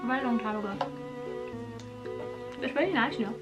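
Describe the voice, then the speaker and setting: A woman's voice: a little high, a little fast, loud music behind the voice. Giggly young woman hosting a chat. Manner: giggly, chatty, laughs often. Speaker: host. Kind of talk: casual chat while eating.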